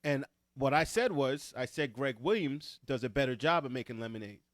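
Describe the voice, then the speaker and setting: A man with a Long Island accent talks sports in an emphatic, opinionated way. His voice sits at a middle pitch. The sound is close and dry, with no room around it. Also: animated, normal speed, a bit bright, no room sound. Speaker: podcast co-host. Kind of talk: casual sports chat.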